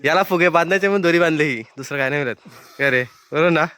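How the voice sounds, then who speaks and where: A man's voice: fairly high pitch, rapid-fire, pushed and bright, clear, resonant tone. A man talking playfully to viewers in a casual vlog, pointing things out one after another. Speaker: vlogger showing birthday preparations.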